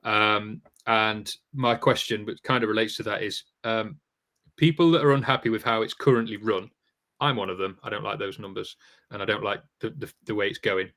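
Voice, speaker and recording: A man's voice: on the low side, fairly even intonation, moderate pace, pushed and bright. A man hosting a live online Q&A, reading out viewer questions in a conversational way with many fillers. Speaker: host. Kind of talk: live Q&A show.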